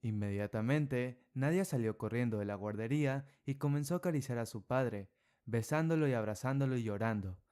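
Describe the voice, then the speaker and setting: Male storyteller, smooth clear voice, calm scripted narration. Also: mid-range voice, brisk.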